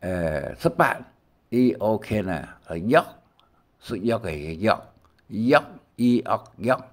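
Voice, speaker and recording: An older man from Taiwan teaching a Hakka language lesson, explaining slowly with many fillers and repeated words. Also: fairly low pitch, very animated. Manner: slow, rambling explanations with many fillers and repetitions.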